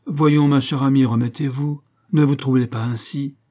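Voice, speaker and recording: A man's voice: medium pitch, fairly even intonation, normal speed, warm tone, pitched above the performer's own voice, close to an everyday voice. A man reading aloud, voicing a suave, mocking male master criminal in an audiobook.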